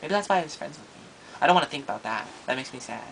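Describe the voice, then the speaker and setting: A man's voice: medium pitch, expressive, racing, gravelly, a bit bright, slight background noise, poor audio. A man playing a shy, insecure schoolboy with no friends in an improvised comedy monologue, talking in a hesitant, rambling way full of ums and restarts. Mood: sheepish.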